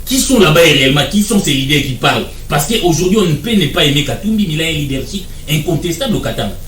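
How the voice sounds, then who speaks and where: A man's voice: on the high side, lively intonation, fast, a bit bright, echoey room, far from the mic. A man, arguing as a guest in a televised political debate, insistent and repeating his points. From Democratic Republic of the Congo.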